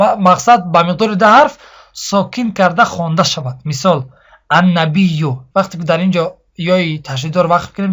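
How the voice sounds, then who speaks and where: A man with a fairly high voice teaches a recitation class in Tajik-accented Persian. He explains patiently, keeps asking the class questions and drags out example words while he repeats them. His delivery is deliberate and instructional. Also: a bit bright. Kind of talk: classroom lesson on tajweed pausing rules.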